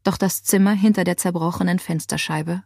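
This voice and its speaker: A woman narrating a thriller audiobook in an even, tense storytelling voice. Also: on the low side, brisk, creaky, dry recording, clean studio sound. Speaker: audiobook reader.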